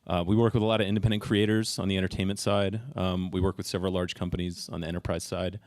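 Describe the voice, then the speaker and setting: Studio CEO: a man with a very deep, resonant voice and flat, businesslike delivery. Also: quick pace, no room sound. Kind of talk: panel self-introduction.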